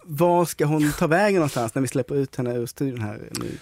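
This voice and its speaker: A man's voice: on the high side, a little mellow, a little hiss or hum. A man hosting a podcast in casual chat, reading out listener questions with some hesitation. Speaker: podcast host.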